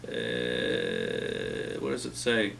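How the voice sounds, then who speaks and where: A man's voice: rumbling low, huge pitch swings, extremely slow, creaky, fairly bright tone, distant mic, a little hiss or hum. A man hosting a casual talk about old albums, enthusiastic and rambling with lots of fillers. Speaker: host.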